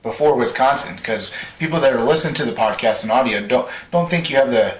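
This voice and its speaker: A man's voice: mid-range voice, animated, fast talker. A man co-hosting a podcast who teases and laughs in casual chat. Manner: playful teasing, laughing. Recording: roomy echo with faint noise.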